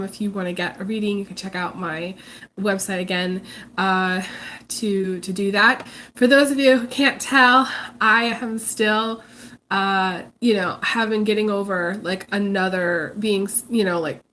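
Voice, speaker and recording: Still congested from a recent illness, this psychic reader and channel host talks on her casual live stream in a steady, medium-pitched, fairly bright voice. Her pace is unhurried but halting, with frequent ums and restarts, and a little hiss or hum sits under the audio.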